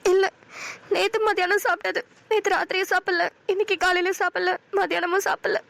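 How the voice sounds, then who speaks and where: A woman voicing a gentle, anxious young bride in a cartoon, speaking softly and pleadingly. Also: very high-pitched, little pitch movement, quick pace, vocal fry, full character voice. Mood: worried. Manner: soft, worried, pleading. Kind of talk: cartoon voice acting.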